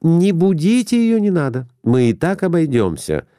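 A man's voice: on the high side, big pitch swings, normal speed, mellow, no room sound, clean studio sound, voice pushed up. A man voicing a polite young customs official who mumbles apologies in a flustered way. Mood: apologetic.

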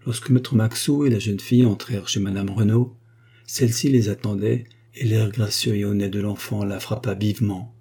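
Husky, dark-voiced male narrator. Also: lowish voice, steady tone, moderate pace. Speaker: audiobook narrator. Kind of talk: reading a 19th-century novel aloud.

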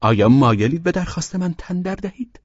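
A man voicing a bold, arrogant young man of about nineteen who speaks in a measured, haughty way in an audiobook. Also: on the high side, expressive, a little mellow, no echo, dull audio, pitched above the performer's own voice. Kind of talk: audiobook character voice.

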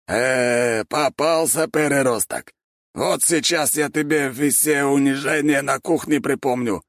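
A man's voice: mid-range voice, measured pace, fairly bright tone, no room sound, clean studio sound, voice pushed up. A man voicing a cocky, smirking young man who teases his opponent in a storybook reading. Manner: smirking, teasing.

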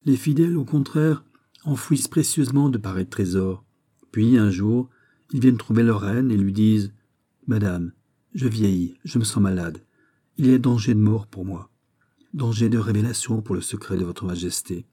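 Brief: male reader as a sly, plotting duchess in an audiobook, dark and husky. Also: on the low side, moderate pace, close to an everyday voice. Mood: insinuating. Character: scheming older duchess, sly and insinuating.

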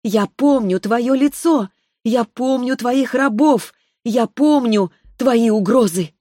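A woman voicing a young spirit girl with a sweet voice who speaks in slow, clipped, merciless pronouncements. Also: a little high, dark tone, dry recording, studio quality, voice pushed up. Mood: cold, judging. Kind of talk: audiobook character voice.

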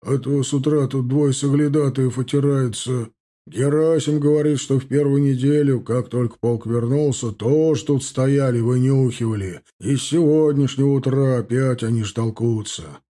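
A man voicing a devoted, humble veteran soldier in an audiobook, talking high and loud. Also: moderate pace, close to an everyday voice. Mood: earnest, humble. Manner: shouting joyfully, then apologetic.

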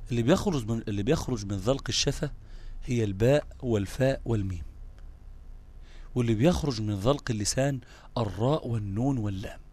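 A man's voice: mid-range voice, warm tone. A man with an Egyptian Arabic accent teaching Quran recitation in a live online lesson, explaining patiently, repeating terms and checking in with his listeners.

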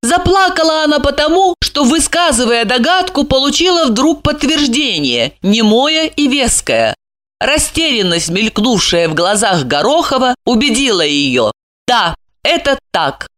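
Expressive woman reading a novel aloud. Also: sits high, measured pace. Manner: expressive storytelling. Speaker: narrator. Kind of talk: audiobook narration.

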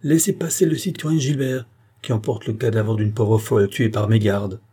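A man's voice: lowish voice, fairly even intonation, normal speed, mellow, breathy edge. A man voicing a stern male tribunal president who speaks with firm authority. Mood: commanding. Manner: authoritative, declaring.

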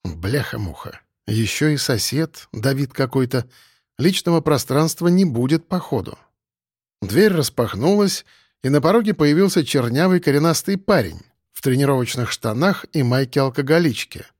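A man's voice: medium pitch, animated, moderate pace, darkish tone, no room sound, clean studio sound. A man narrating a first-person audiobook in a wry, conversational manner.

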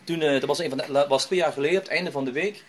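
A man's voice: fairly high pitch, quick pace. Emphatic middle-aged male preacher. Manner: emphatic, repetitive, conversational with tag questions. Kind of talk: personal testimony sermon.

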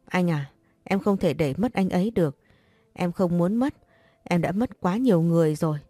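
A woman's voice: lowish voice, moderate pace, mellow, no room sound, lightly acted. A woman voicing a heartbroken young woman who pleads and repeats herself through tears. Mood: pleading. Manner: pleading, desperate. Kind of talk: audiobook character reading.

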